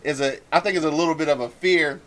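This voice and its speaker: A man's voice: a little high, fast talker, a bit bright. A man talking casually in a group discussion, using informal, profane slang.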